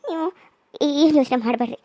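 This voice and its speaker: A woman's voice: a little fast, mellow, dry recording. A woman with a North Karnataka accent voicing the female characters of a cartoon serial, emotional and pleading. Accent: North Karnataka Kannada. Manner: emotional, pleading, switches between high and low voices. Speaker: voices all women in a cartoon serial. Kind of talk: Kannada cartoon serial voice acting.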